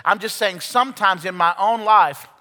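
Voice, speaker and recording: An American man in his forties preaching a sermon as a pastor, reading scripture and speaking with emphatic pauses. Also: high voice, sharp tone. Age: 40s. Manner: emphatic, rhetorical questions and pauses. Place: large reverberant room before a congregation. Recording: long hall reverb.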